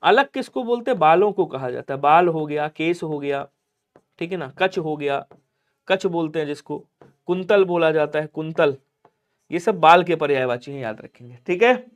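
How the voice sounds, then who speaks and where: A man's voice: fairly high pitch, lively intonation, moderate pace. A male teacher giving an exam-prep grammar lesson, repeating key words and asking his students questions that he then answers himself. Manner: repetitive, drills words and keeps saying to remember them; addresses students directly, asks and answers his own questions.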